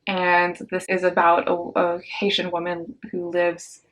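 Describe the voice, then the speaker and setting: A young woman talks through her stack of new books in a relaxed, slangy way, full of quick asides. Her voice sits a bit low for a woman. It sounds like an easygoing vlog chat. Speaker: book vlogger. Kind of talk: casual book haul chat.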